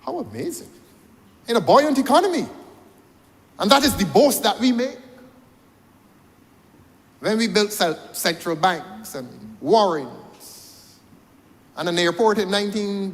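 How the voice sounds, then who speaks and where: This high-voiced Barbadian man is a member of parliament making a speech in a large chamber whose long reverb echoes his voice. His style is rhetorical, with phrases repeated for emphasis.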